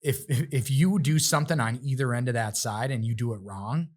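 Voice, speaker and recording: A man who is a realtor and rapper, a guest on a podcast, telling animated stories and acting out quoted voices. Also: medium pitch, fairly quick. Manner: animated storyteller, acts out quotes in other voices. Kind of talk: casual interview chat.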